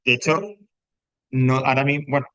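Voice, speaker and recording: A man's voice: mid-range voice, little pitch movement, fairly quick, sharp tone, clear, resonant tone, dry recording. Andalusian male teacher explaining grammar. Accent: Andalusian Spanish. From Andalusia, Spain. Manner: explanatory, keeps checking with "right?". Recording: dull, dry, muffled.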